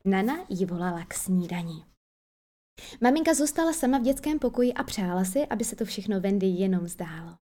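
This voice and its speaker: Mellow-voiced woman reading a storybook. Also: mid-range voice, animated.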